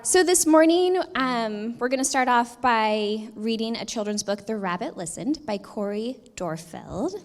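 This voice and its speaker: A woman's voice: fairly high pitch, expressive, measured pace, few pauses, rough recording. A woman giving an earnest, personal devotional talk to a church team meeting.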